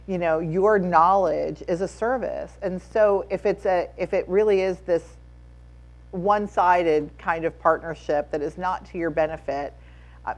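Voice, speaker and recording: A woman on a conference panel giving advice to publishers, measured and full of fillers. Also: on the low side.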